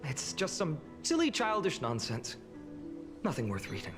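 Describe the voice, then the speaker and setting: A young game hero from a village, boyish and playful. The voice sits fairly low and leaps about with great animation, over clear background music. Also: female voice, huge pitch swings, moderate pace. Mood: wry, dismissive. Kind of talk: game voice acting.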